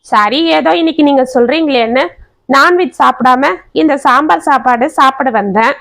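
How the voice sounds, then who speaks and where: ஒரு பெண் கதைசொல்லி, சண்டைக்கார இளம் மருமகளின் குரலில் ஏளனமாகக் கத்திப் பேசுகிறார். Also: female voice, high-pitched, moderate pace. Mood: indignant. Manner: scornful, shouting, insulting. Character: sharp-tongued young wife, quarrelsome daughter-in-law.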